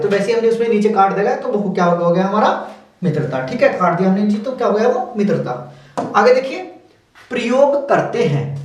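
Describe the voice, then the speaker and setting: A man teaching shorthand, explaining step by step and slowly drawing out example words. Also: high voice, darkish tone. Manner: slow, repetitive, drawn-out word demonstrations. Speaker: stenography teacher. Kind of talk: explaining steno outlines. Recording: echoey room, far from mic.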